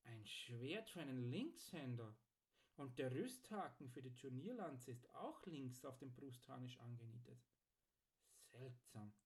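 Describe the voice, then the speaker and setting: A man's voice: medium pitch, expressive, measured pace, a little mellow. A man voicing a cheerful, proud blacksmith in an audiobook story. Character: cheerful, proud middle-aged male blacksmith. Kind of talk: audiobook character voice.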